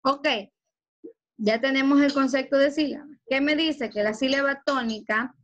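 A woman teacher from Ecuador giving an online class and explaining slowly with worked examples. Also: high voice, steady tone, a bit bright, highs cut off. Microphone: video call.

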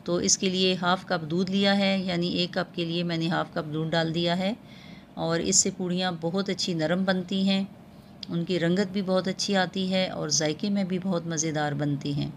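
A woman hosting a home cooking tutorial, explaining each step calmly with frequent pauses and filler sounds. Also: fairly low pitch, a little hiss or hum. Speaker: cooking channel host.

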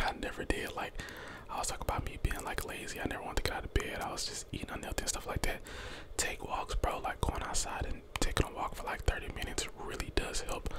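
An American man in his twenties giving a casual, slangy, encouraging pep talk in an ASMR whisper close to the microphone. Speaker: ASMR content creator. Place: small bedroom, indoors. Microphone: close handheld desk condenser microphone.

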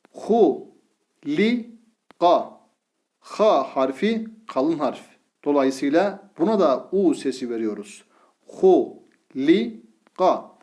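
Man teaching quran letters real slow, patient, says each syllable on its own, kinda high voice. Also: darkish tone. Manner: patient, drills syllables aloud one by one. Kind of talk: slow step-by-step recitation lesson.

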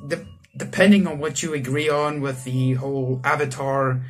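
Here the young South African let's player speaks at medium pitch with fairly even intonation and a normal speed, reading a visual novel aloud amid casual tangents and joking asides. Soft background music plays in the small indoor room.

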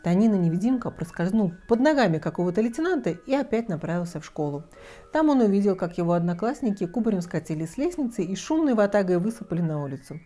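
A woman reading a children's fairy tale aloud with expressive, lively storytelling. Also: medium pitch, fast talker.

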